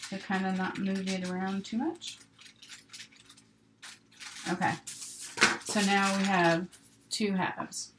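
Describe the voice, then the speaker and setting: A woman's voice: medium pitch, slow, long pauses. A middle-aged woman giving a casual, chatty hands-on tutorial, talking herself through each step as she works at a table. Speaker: sewing instructor hosting a live stream. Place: indoors at a work table. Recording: noisy home recording with rustling paper and clicks. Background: paper rustling, clicks, steady noise.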